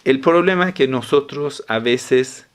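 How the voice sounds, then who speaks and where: A man, a sheikh, giving a lecture-style religious talk on parenting. He explains step by step, repeats key phrases and jumps up in pitch on the words he stresses. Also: a little slow, smooth.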